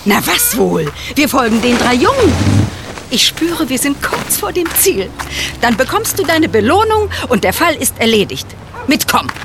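A woman's voice: sits high, big pitch swings, moderate pace, background noise. An actress in a German audio drama playing a scheming villainess, sneering and impatient as she orders a dim henchman around. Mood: impatient, commanding.

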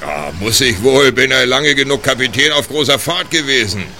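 Jovial old pirate-style captain for audio drama, teasing, very forceful tone, animated, faint noise behind. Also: male voice, mid-range voice, normal speed. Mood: friendly, amused. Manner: hearty pirate-like seafarer talk. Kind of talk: German audio drama acting.

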